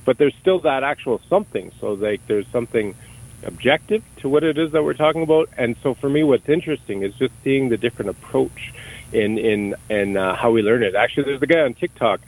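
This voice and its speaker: A middle-aged Canadian man with a lowish voice is a guest in a conversational interview, heard on a rough recording. He speaks thoughtfully and searchingly, restarting often and repeating words.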